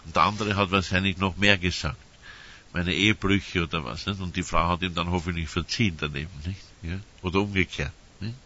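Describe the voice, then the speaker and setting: A man's voice: deep voice, steady tone, fast, hardly any pauses, sharp tone. An older man, preaching a conversational sermon and often adding tag questions. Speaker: priest. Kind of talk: spoken sermon with anecdotes. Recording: dull, muffled sound.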